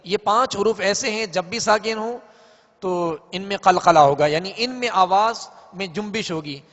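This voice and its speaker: Man, recitation teacher, high voice, patient explaining and chanted verses, dull lo-fi audio, long hall reverb. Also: normal speed, fairly bright tone. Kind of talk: tajweed lesson with chanted recitation.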